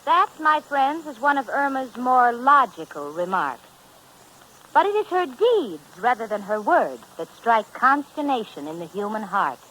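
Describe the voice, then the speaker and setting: A woman's voice: fairly high pitch, very animated, a little slow, sharp tone, full character voice, rough recording. An actress playing a dry, patient young woman who narrates a comedy in a 1940s old radio show broadcast. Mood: wry. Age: young adult. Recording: hissy vintage radio broadcast.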